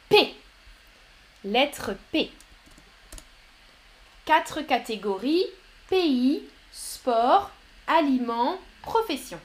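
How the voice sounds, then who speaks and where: A woman hosting a live word game as a teacher, reading out chat answers and cheering viewers on. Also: high-pitched. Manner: upbeat, encouraging, reads chat names aloud.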